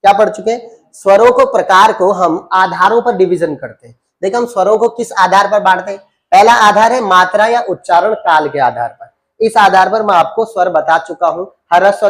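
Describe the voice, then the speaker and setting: A man teaching Hindi grammar to a class, asking questions and answering them himself in a coaxing call-and-response way. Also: high-pitched. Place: classroom with students.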